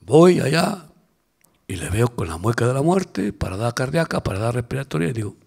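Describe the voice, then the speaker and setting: An older male pastor from Spain delivers a sermon. His husky, gravelly voice roams widely in pitch. He swings from loud emphatic declarations to hushed, almost whispered asides. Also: sing-song, fast.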